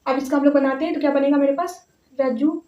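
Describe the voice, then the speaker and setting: A woman teaching a grammar lesson step by step, patient, repeating words slowly and often checking that her students follow. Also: sits high, steady tone, mellow. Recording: echoey, distant, slightly dull audio.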